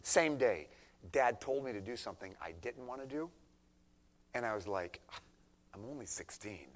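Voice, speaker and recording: Man preaching, hushed to emphatic. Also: mid-range voice, expressive, moderate pace, slight background noise. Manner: conversational, swings from hushed to emphatic. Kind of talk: sermon to teenagers. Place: church.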